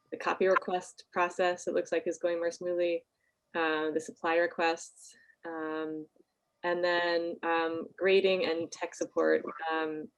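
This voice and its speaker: A woman's voice: fairly low pitch, low-quality recording. A woman presenting survey results at a board meeting, hesitant, with many fillers and restarts.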